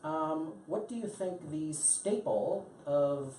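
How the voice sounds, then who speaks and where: A woman's voice: deep voice, lively intonation, slow, mellow, distant mic. An American woman teaching an interactive English lesson, encouraging and full of ums and mm-hmms. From United States. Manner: encouraging, lots of um and mm-hmm. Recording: echoey room, voice off-mic with faint hum.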